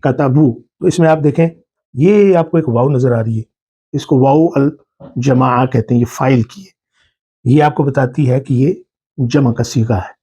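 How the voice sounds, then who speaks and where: Patient male grammar teacher, husky voice. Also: mid-range voice, dark tone. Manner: patient, asks and answers his own questions; mixes in English terms. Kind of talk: grammar lesson.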